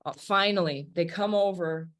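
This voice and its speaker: A woman from Wisconsin, a jazz singer and pianist, telling a lively story in an interview and acting out the quotes. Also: on the low side, normal speed. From Wisconsin, USA. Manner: lively anecdotal, acts out quotes.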